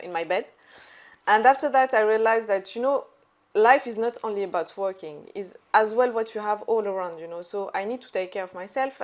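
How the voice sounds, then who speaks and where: A young woman, speaking as an interview guest. Her talk is chatty and loose, strung together with "so" and "like." Her pitch sits in the middle of the usual range. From born in Algeria, raised in France. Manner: chatty, many "so" and "like" fillers. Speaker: guest, entrepreneur. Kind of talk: casual conversational storytelling.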